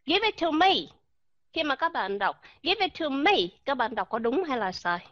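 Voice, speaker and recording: A woman runs a pronunciation lesson in a fairly high voice, modelling each vowel and putting questions to her listeners. The recording is dry and close, with a slightly dull, muffled sound. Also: very animated, normal speed, fairly bright tone, no echo. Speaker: English pronunciation teacher.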